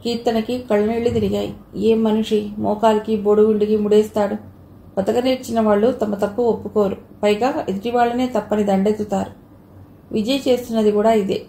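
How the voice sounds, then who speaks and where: Woman, audio novel narrator, steady measured reading, mellow warm voice, echoey room. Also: medium pitch, creaky. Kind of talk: scripted narration. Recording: echoey room, faint hiss.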